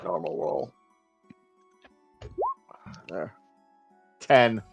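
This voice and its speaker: A man's voice: deep voice, lively intonation, very slow, vocal fry, husky. A man talking casually as a player in a tabletop game. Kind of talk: casual chat. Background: faint music.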